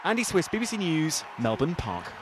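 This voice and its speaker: A man's voice: on the high side, very animated, normal speed, a faint crowd, slight background noise. A British man narrating a scripted sports news report with a dramatic storytelling delivery.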